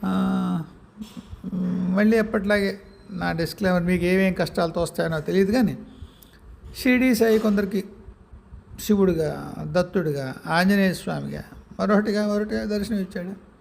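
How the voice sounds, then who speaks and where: A man giving a reflective spiritual talk, measured, pausing often and correcting himself, with English words mixed in. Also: high voice, gravelly. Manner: measured, with many pauses and self-corrections; mixes English words into speech.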